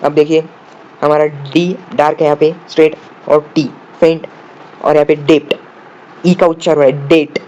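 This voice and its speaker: A man explains shorthand step by step, asking the viewer questions and answering them himself, sometimes spelling words out slowly. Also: a little high, level tone, a little mellow. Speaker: shorthand teacher. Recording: dull lo-fi audio with faint room noise.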